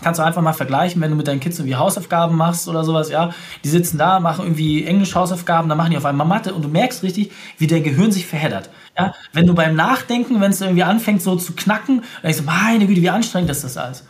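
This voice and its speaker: A man with a somewhat high voice explains his ideas quickly and emphatically. He speaks to the listener directly, in the style of a business consultant giving a podcast interview.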